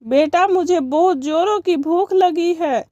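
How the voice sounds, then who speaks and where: A woman's voice: very high-pitched, unhurried, dark tone, no room sound, lo-fi sound. A woman voicing a hungry, pleading old female bird in a cartoon story.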